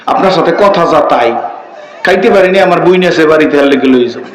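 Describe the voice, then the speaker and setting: A man's voice: on the high side, a little fast, roomy sound, some chatter behind, slight background noise, natural voice, rough recording. A preacher voicing a sly young madrasa boy. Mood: mock-innocent.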